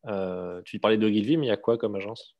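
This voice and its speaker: A man's voice: lowish voice, a little fast, dull audio. A man interviewing a guest informally, asking probing questions with fillers and restarts. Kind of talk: casual conversational interview.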